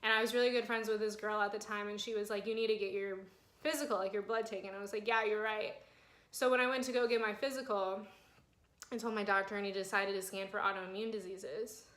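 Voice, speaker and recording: A woman's voice: mid-range voice, fairly even intonation, fast talker, fairly bright tone, echoey room. A young woman in her twenties telling her health story to a phone camera, flustered and holding back tears, with many fillers. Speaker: vlogger. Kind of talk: personal health vlog. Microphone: phone camera mic.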